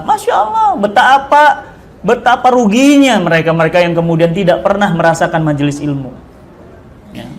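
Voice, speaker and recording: Man, middle-aged, preacher, high voice, animated storytelling, faint background noise. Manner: animated, acts out dialogue with rising pitch. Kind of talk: storytelling religious talk to women.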